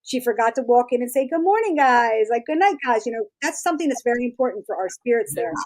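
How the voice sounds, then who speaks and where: A woman in her forties tells stories as an interview guest in a somewhat high voice. She talks in a lively, laughing way and acts out other people's lines as she goes. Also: fast. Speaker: guest, tattoo artist and shop owner. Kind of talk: casual storytelling interview.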